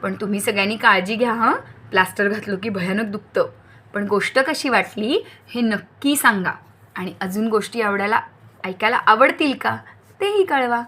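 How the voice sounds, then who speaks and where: A woman reading a children's story aloud, talking directly to young listeners in a lively way. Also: medium pitch, moderate pace, breathy edge.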